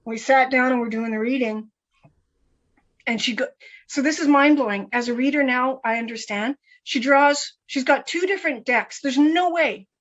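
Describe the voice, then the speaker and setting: A woman talks through a personal story as an interview guest, her voice sitting a little high. She is animated, restarts and repeats phrases, and slips into the voices of the people she quotes. The recording sounds dull and a bit lo-fi. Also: normal speed. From Canada.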